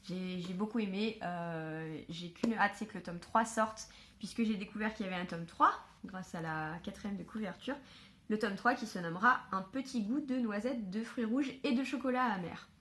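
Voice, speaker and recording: A woman chatting casually to camera at home about books she was given, filling pauses with hesitations. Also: mid-range voice, a bit bright. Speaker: book vlogger. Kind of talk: casual book haul chat.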